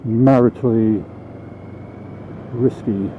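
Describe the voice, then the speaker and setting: A thin, phone-like recording carries a British man's voice from inside a motorcycle helmet. He talks casually to viewers as he rides, with a medium-pitched voice and clear vehicle noise around him. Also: steady tone, slow pace. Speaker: motorcycle vlogger. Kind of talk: casual vlog monologue while riding. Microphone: small microphone mounted inside the helmet. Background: vehicle and road noise.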